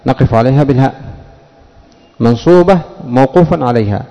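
In a classroom grammar lesson, a man with a dark, mellow, medium-pitched voice asks questions and answers them himself. He slows down and stresses the example words, drawing them out. The lo-fi recording carries a long reverb.

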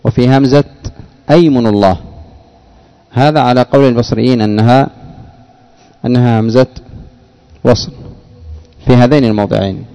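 A man's voice: mid-range voice, moderate pace, long pauses, mellow, clean tone. A man teaching grammar in a classroom, explaining rules and quizzing students by name. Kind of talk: classroom lesson with questions to students.

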